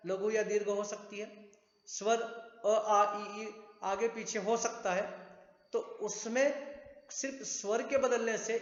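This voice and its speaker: Guy teaching grammar, slow and patient, repeats stuff, echoey room with long reverb. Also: high voice. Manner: patient, repeats and spells out sounds. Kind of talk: grammar lesson at a board. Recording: echoey room, dull sound.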